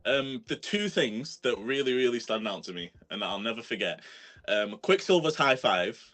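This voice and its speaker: A man's voice: mid-range voice, big pitch swings, moderate pace, fairly bright tone. A man with a London accent, a guest in a casual chat, talking animatedly with lots of slang and frequent laughter. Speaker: guest battle rapper.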